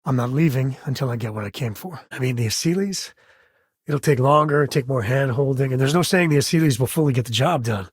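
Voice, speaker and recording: A male actor voices a husky, raspy, wry spacefaring frontier ranger in a video game, a laid-back, protective, devoted father who speaks in plain, folksy phrases like an easygoing dad. His mid-pitched, natural voice is brisk and determined. The recording is close and dry, with no room sound.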